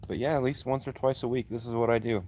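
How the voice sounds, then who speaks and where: A man with a monotone voice, hosting a casual live stream from his phone by a backyard fire and answering chat with easygoing fillers. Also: mid-range voice, fast talker, a little hiss or hum. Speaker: livestream host. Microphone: phone, streaming from mobile.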